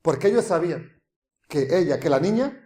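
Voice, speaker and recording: A man preaching a sermon, dramatic and animated, swinging between loud calls and hushed asides. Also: a little high, moderate pace, roomy sound.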